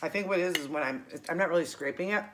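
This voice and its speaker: A woman's voice: fairly low pitch, noisy background. A middle-aged American woman with a tongue piercing, chatting casually to viewers while she eats. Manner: talking while eating, with pauses to chew. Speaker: host of a keto eating show.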